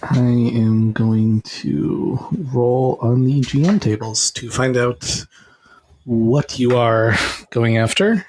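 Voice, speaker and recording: A man with an everyday mid-range voice leads a casual tabletop game as its game master. He asks his players questions and guides them along in a relaxed, conversational way. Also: mid-range voice, slow pace, slight background noise.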